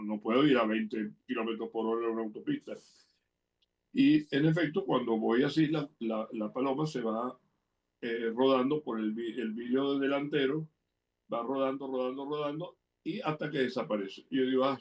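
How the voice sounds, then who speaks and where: A man's voice: mid-range voice, far from the mic. Older Venezuelan man telling stories. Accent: Venezuelan Spanish. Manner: playful storyteller, acts out quoted voices. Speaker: guest, interviewer's father. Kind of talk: anecdotal storytelling.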